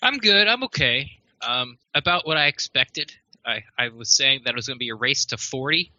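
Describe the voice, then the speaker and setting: A man's voice: mid-range voice, expressive, moderate pace, bright, forceful tone, no echo. A man, co-hosting a casual sports podcast and making dry, wry remarks. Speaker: podcast co-host. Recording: dull dry podcast audio.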